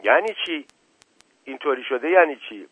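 Brief: man playing an accusing, hot-headed colonel, raised husky voice, tinny audiobook sound. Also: fairly high pitch, animated, dry recording, pitched above the performer's own voice. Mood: indignant. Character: indignant middle-aged male colonel, quick-tempered. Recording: narrow phone-like sound.

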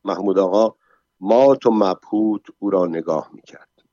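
A man narrating a story in a steady, measured storytelling manner. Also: sits low, no echo. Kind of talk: scripted narration. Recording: dull lo-fi dry recording.

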